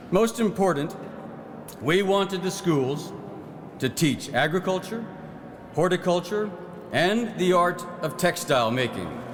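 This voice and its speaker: A male actor with a fairly high voice plays a proud, folksy, farm-minded legislator from 1909 in a historical re-enactment. He delivers a plain-spoken, first-person theatrical monologue, reminiscing proudly. The recording comes from an echoey hall with clear background noise.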